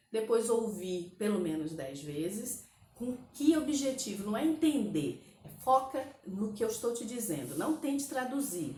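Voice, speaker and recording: A woman's voice: mid-range voice, a little mellow. Brazilian woman teaching in an echoey room. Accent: Brazilian Portuguese. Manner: patient step-by-step explaining with frequent "né?" and "ok?" check-ins. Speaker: English teacher. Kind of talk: online language lesson.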